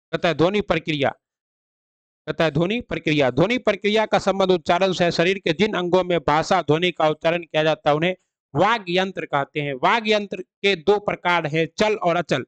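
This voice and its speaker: A man gives an online grammar lesson, setting out each rule and then quizzing the listener with questions he answers himself. His voice is smooth and clear and sits a little high. It is recorded close up in a dry room. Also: brisk, a bit bright, no room sound. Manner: explains rules then quizzes with rhetorical questions. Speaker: Hindi grammar teacher. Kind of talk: online exam-prep lecture.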